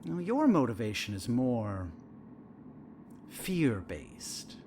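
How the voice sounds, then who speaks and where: A male actor voices a smug therapist in an audio drama, needling his listener with leading questions as though nothing escapes him. The delivery is slow, mid-range and extravagantly animated, its mood smugly insinuating, while faint noise lingers behind it.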